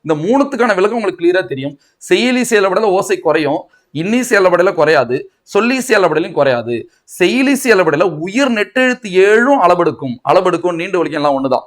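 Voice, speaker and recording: A man's voice: sits high, big pitch swings, fast. A man with a Tamil Nadu accent teaching a grammar class for exam students, asking and answering his own questions. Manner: asks and answers his own questions, mixing in English words. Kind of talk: exam coaching lecture.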